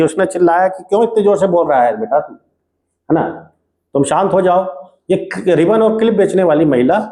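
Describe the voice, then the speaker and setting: A male teacher retelling a textbook story in a casual lesson, often pausing to check in with his listeners. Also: high-pitched, darkish tone. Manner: casual storytelling with frequent check-ins like "okay". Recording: echoey room.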